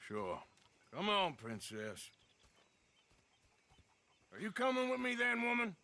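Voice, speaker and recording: An actor playing a middle-aged outlaw gunman, gruff and dryly wry. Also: sits high, huge pitch swings, slow pace, bright, forceful tone, full character voice. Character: weary, dry-humored outlaw gunman, middle-aged man. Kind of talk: video game acting. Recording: noisy game audio.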